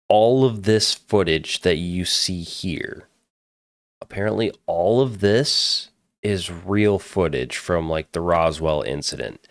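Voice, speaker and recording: A man's voice: low voice, dry recording, clean studio sound. A man hosting a podcast, chatting casually and bluntly about a movie trailer, swearing now and then. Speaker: podcast host reacting to a trailer. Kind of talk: casual trailer reaction commentary.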